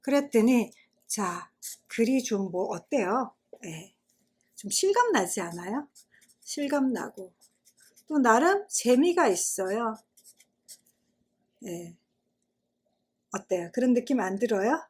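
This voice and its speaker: A woman's voice: a little high, very animated, slow pace, pauses often, husky. A woman, a school principal, giving an online writing lesson to children. She reads a pupil's essay aloud with expression and keeps stopping to ask the class questions.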